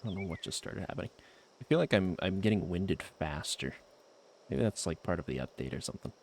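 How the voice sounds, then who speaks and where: A man streams a video game with casual gameplay commentary in a deep, sing-song voice at a brisk pace. He chats to himself in a laid-back, rambling way, his sentences often trailing off into fillers.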